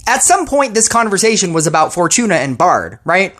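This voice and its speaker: A woman's voice: fairly low pitch, very animated, fairly quick, fairly bright tone. A woman posting a ranting commentary video about a mobile game, sarcastic and exasperated.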